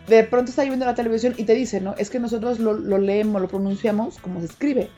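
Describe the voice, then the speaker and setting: A young adult woman with a Mexican accent, talking casually as a co-host, animated and quick to laugh. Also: a little high, faint music behind. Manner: animated, laughs often, acts out quoted reactions. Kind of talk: casual chat.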